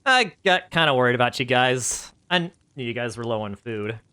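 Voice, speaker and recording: A man's voice: medium pitch, expressive, normal speed, bright, forceful tone, clear, resonant tone. A man voicing a friendly, sheepish young man who talks in an easygoing, casual way.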